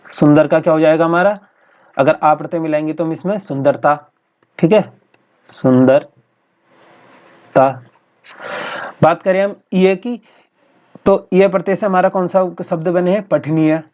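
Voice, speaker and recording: A male teacher going through practice exam questions in a steady, explanatory way, often repeating each answer. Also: fairly high pitch, normal speed. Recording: dull lo-fi recording.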